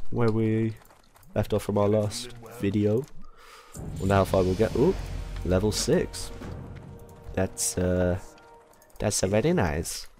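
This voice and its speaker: Gravelly, deep and warm, this Englishman's voice carries a loose, rambling running commentary over his video game. He's chatty and keeps stopping to correct himself, typical of a let's play.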